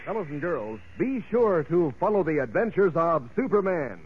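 A man with an American accent doing a folksy, eager 1940s radio announcer's sales pitch to children. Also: big pitch swings, moderate pace, slightly rough. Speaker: commercial announcer. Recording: tinny, phone-like vintage radio recording.

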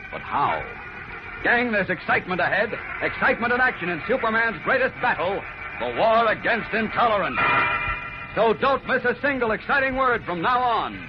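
An American man works as an old-time radio announcer and serial narrator. His delivery is theatrical and urgent, pitched a little high and built for suspense. The muffled vintage broadcast has loud music behind him.

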